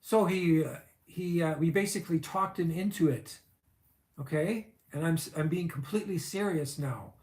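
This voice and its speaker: A man's voice: a little high, moderate pace, darkish tone, roomy sound. A man in his fifties, a vlogger, telling a long personal story in a chatty, rambling way full of fillers and asides. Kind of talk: casual storytelling.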